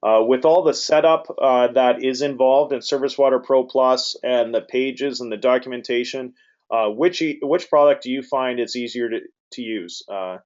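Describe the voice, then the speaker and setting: Male webinar moderator, informal and loosely worded, average pitch, muffled lo-fi recording. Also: moderate pace, a little mellow. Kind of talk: live webinar hosting. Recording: dull lo-fi audio.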